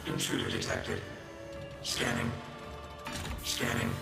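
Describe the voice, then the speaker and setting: A stern, hulking security robot speaks in flat, clipped machine announcements for a video game. His voice is gravelly and sits mid-pitch, delivered slowly and deliberately. Loud game music plays underneath. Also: heavily acted.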